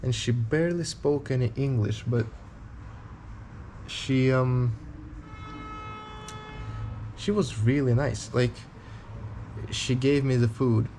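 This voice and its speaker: A young man in his twenties talks to camera in a casual travel vlog, his voice sitting at an ordinary middle pitch. He rambles candidly and speaks his mind bluntly. A faint ambient hiss runs underneath. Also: slow, pauses often, a little mellow. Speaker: touring cyclist vlogger.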